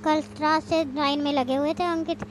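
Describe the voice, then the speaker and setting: A woman voicing a lively, outspoken young sister. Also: sits high, normal speed, noisy background, lightly acted. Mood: cheerful. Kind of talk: cartoon voice acting. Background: background music.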